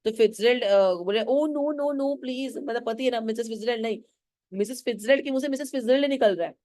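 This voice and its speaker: A woman's voice: fairly high pitch, very fast, darkish tone, no room sound, clean studio sound. Hinglish-speaking woman teacher explaining a play. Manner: mixes Hindi and English, asks students questions, acts out lines. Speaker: English teacher. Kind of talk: classroom lecture explaining a play line by line. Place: classroom with students.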